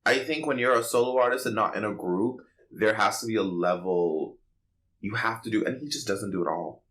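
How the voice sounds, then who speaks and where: On a podcast he co-hosts, a man chats casually about pop culture, offering blunt, sassy opinions in slangy speech. His voice is lowish, animated and fairly bright, at a normal speed. The recording is low quality.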